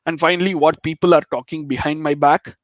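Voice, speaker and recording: A man's voice: a little high, fairly even intonation, brisk, dry recording, lo-fi sound. A man from Chennai with a Telugu Indian accent, chatting casually as a webinar guest in an informal, jokey, digressive way. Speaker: guest speaker, web developer.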